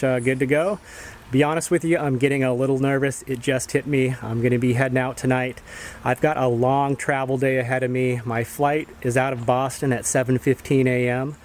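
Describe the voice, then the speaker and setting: Casual man vlogging with faint background noise. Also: medium pitch. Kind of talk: casual travel vlog to camera.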